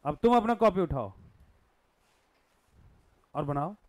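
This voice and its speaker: A man's voice: fairly high pitch, lively intonation, slow pace, no room sound. A male teacher giving a live classroom lesson, questioning and coaxing his students while mixing Hindi and English.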